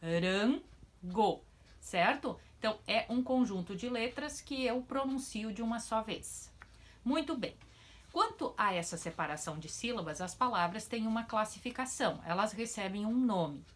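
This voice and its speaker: A woman teacher giving a lesson to young pupils, stretching words out slowly into syllables in a sing-song way. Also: on the high side, animated. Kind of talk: children's lesson.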